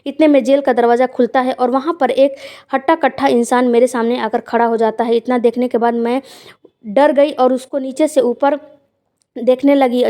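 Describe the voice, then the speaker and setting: A woman narrates a first-person story, speaking plainly and conversationally with quiet emotional weight. Her voice sits a little high, and its tone is soft and mellow.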